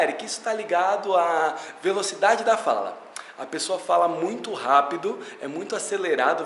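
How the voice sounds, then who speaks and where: A man's voice: high voice, echoey room. Man, Brazilian Portuguese accent, English teacher, casual video lesson, chatty, faint background hiss. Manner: chatty, addresses viewer directly.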